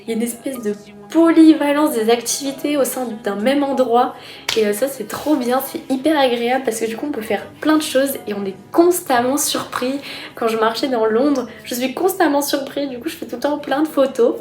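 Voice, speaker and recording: A woman's voice: high voice, brisk, a little mellow, roomy sound. A young woman from France, a student vlogger, chatting with enthusiasm in a casual vlog. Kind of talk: casual vlog talk to camera.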